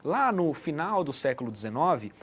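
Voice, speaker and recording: A man's voice: fairly high pitch, big pitch swings, moderate pace, a bit bright. A man giving an explanatory online lesson as a teacher, checking in with the listener often. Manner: didactic, frequent "né" tag questions.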